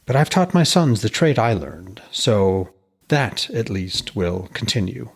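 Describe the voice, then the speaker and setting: A man's voice: fairly low pitch, big pitch swings, measured pace, vocal fry, slightly rough, full character voice. A man voicing a hearty, deferential and inquisitive smith in a dramatised reading of a myth tale. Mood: friendly, apologetic. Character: hearty, respectful, eager male smith, a family man.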